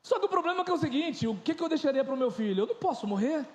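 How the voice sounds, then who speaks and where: High-voiced animated pastor, echoey church. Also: male voice, rapid-fire. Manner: animated, joking, shifts into loud and soft. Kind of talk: informal sermon.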